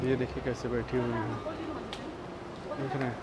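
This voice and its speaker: A man's voice: mid-range voice, level tone, moderate pace. A man filming a travel vlog, walking a busy outdoor street and making crude jokes about what he sees. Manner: crude joking street commentary. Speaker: travel vlogger. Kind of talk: casual walking vlog commentary. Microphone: handheld camera. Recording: street noise.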